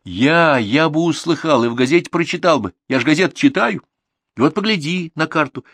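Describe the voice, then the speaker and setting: A man's voice: fairly high pitch, expressive, moderate pace, fairly bright tone, dry recording, studio quality, voice pushed up. A man voicing a lecturing, insistent schoolboy grandson in an audiobook. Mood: explaining. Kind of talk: audiobook character reading.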